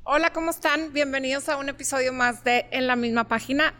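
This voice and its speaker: A woman with a Mexican Spanish accent and a high-pitched, sharp voice hosts a podcast in a store event space before a live audience. She sounds upbeat and welcoming.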